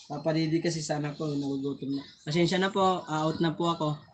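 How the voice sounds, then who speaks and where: A man's voice: on the high side, fairly even intonation, fairly quick, a little hiss or hum. A man hosting a casual live stream on his phone, chatting and laughing often as he thanks viewers, sometimes tripping over his words.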